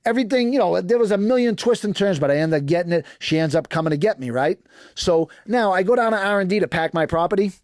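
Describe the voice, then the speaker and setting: Middle-aged Boston man, guest storyteller: higher-pitched voice, dry close mic, animated and talkative, acts out the other people in his stories. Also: fast, no room sound. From East Boston, USA. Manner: animated storyteller acting out dialogue, frequent fillers. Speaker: guest, former prisoner. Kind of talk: podcast interview storytelling.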